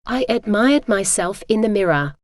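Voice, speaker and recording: A synthetic woman's voice giving steady, even first-person narration of an audiobook, recorded close. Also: medium pitch, moderate pace, no room sound. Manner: even, steady text-to-speech reading.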